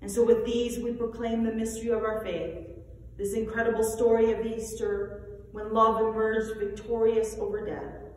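A woman pastor reciting a church liturgy in a measured, solemn way, her voice carried by a heavy cathedral-like echo. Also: fairly high pitch, level tone, darkish tone, slight background noise. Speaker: pastor presiding at communion. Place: large church sanctuary. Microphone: distant room mic. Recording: echoey church hall from far off.

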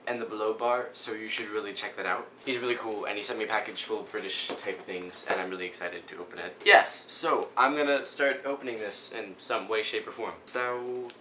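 A man chats excitedly as he unboxes a package, rambling and tripping over his words. His voice sits fairly low but sounds bright and forceful. The room around him gives it a noticeable echo, with faint background noise. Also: a little fast, hardly any pauses. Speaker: vlogger. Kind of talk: casual unboxing chat. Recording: roomy echo.

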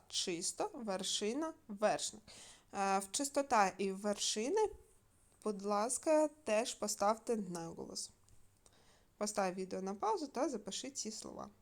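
A woman teaching primary school children in a recorded video lesson, reading out words slowly and clearly, with small fillers between steps. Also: mid-range voice. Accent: Ukrainian. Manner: slow, clear dictation with fillers.

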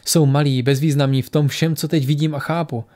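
A man's voice: on the high side, fairly even intonation, darkish tone, lightly acted. A man doing a lonely spirit speaking through a medium. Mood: lonely, searching.

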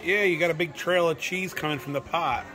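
Music and the chatter of a crowded restaurant sit behind this forties-aged travel vlogger as he talks through his meal at the table. His pitch is fairly high and his pace brisk, and his chatty, casual commentary is full of laughter and repeated words.

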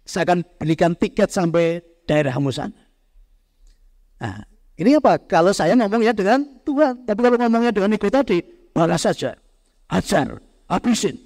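High-voiced man giving a spiritual talk. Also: fairly quick, a little mellow, dry recording, studio quality. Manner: conversational, addresses listeners directly, mixes in Javanese words. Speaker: spiritual speaker addressing an audience. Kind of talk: motivational talk to a live audience.

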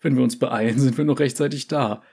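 A man's voice: medium pitch, fairly even intonation, brisk, darkish tone, husky. A man voicing a cheerful, pushy elderly male yordle uncle who coaxes relentlessly in a storybook reading. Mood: coaxing.

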